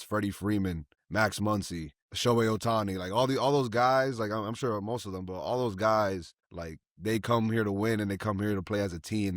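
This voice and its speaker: A laid-back man chatting about sports on a podcast, with a fairly low voice and an easygoing, chatty flow. He sounds close and dry. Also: no echo. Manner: laid-back, chatty, says "bro" often. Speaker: podcast co-host or guest. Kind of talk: casual sports chat.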